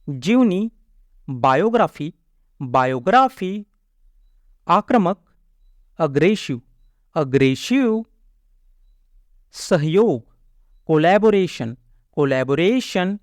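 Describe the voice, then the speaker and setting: A man teaching English vocabulary in a slow word-list drill, saying each word and repeating it in a deliberate, measured way. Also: on the high side, no room sound, studio quality.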